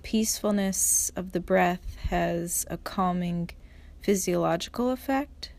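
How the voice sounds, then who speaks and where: A female meditation instructor guides a session in a soft, calm, measured manner, pausing often. Her voice sits on the lower side and has a creaky quality.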